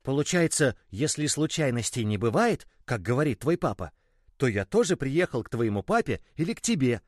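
A man voicing a small burst rubber ball that pleads in a high, tearful way. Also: sing-song, moderate pace, no echo, studio quality. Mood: pleading.

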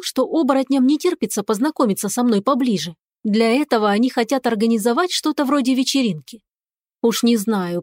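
Expressive woman reading a fantasy audiobook. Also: on the high side, no echo, studio quality. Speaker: audiobook narrator. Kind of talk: scripted first-person narration.

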